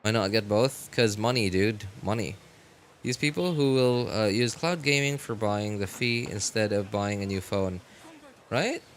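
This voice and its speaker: With music playing behind him, a game streamer chats casually on a livestream, his voice on the low side and his pace measured. He rambles in slang and keeps repeating his phrases, with slight background noise.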